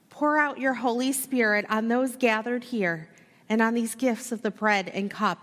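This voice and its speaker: A woman pastor reciting the communion liturgy in a formal, measured way, her voice carrying the long echo of a large church. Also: mid-range voice, a bit bright. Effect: long echo of a large church hall. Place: church sanctuary during a service. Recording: reverberant church sanctuary.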